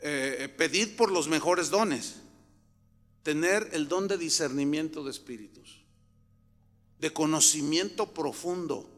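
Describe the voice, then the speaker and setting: A man from Mexico preaching a sermon, telling a story and often rising to loud, emphatic outbursts. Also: fairly high pitch, slow, long pauses. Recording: long hall reverb.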